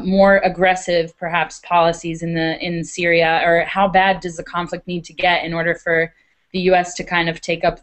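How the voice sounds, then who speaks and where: Hesitant woman with a lowish voice. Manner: hesitant, rambling questions. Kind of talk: casual question in a video call.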